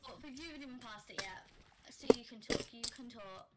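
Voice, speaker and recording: High-voiced young woman streamer bantering. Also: brisk. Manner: bantering, chatty. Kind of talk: casual gaming chat. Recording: noisy stream audio.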